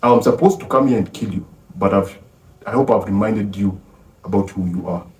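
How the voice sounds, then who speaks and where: A man's voice: lowish voice, moderate pace, warm tone, lightly acted. A man doing a stern, lecturing old patriarch. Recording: roomy, distant from mic.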